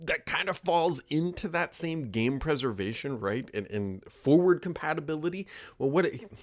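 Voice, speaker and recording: A man's voice: mid-range voice, a little mellow, no echo, clean studio sound. A man giving casual solo video commentary, thinking aloud with frequent asides and self-corrections. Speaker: tech commentator.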